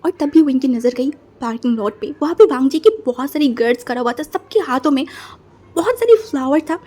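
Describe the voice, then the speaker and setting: A young woman narrating a fan-fiction story in a chatty, excitable way, breaking off to explain things to the listener. Her voice is high, with a soft, mellow tone. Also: fairly quick. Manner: chatty, breathless, dramatic asides. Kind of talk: casual fan-fiction retelling.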